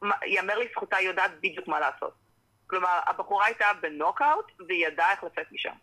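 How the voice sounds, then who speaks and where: A young woman, a professional fighter, talking animatedly as a guest in a casual interview. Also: rough recording. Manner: animated, drops into high acted-out quotes.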